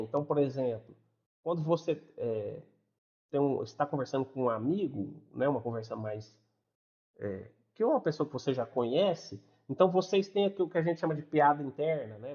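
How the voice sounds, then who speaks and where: A man's voice: mid-range voice, muffled recording. A young adult man with a Brazilian Portuguese accent, teaching a casual online lesson in a conversational, explanatory way with frequent tag questions. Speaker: English teacher.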